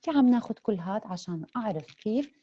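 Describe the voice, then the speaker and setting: Woman, French teacher, animated pitch, slightly dull lo-fi recording. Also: rapid-fire, slightly rough. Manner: switches between French and Levantine Arabic, repeats "d'accord? ok?" often. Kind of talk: classroom lesson to children.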